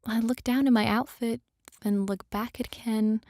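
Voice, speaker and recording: A woman's voice: a little high, steady tone, unhurried, darkish tone, dry recording, studio quality. A woman reading a scripted first-person story as its narrator.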